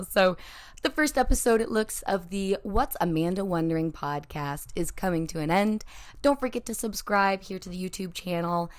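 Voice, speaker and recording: A woman hosting a solo podcast who talks into a microphone in an animated, rambling way and swears casually. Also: fairly low pitch. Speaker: podcast host.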